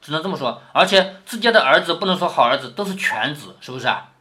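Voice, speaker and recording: A man's voice: fairly high pitch, lively intonation, quick pace, pushed and bright. A man reading a classic novel aloud to his daughter, explaining it as he goes and checking in with frequent rhetorical questions. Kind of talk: storytelling with explanation.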